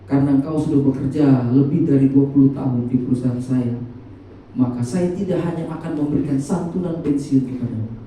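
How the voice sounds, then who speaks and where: A man's voice: mid-range voice, brisk, mellow, a little hiss or hum, pitched below the performer's own voice, lightly acted. A man voicing a commanding male company boss within a sermon story. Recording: echoey church hall from far off.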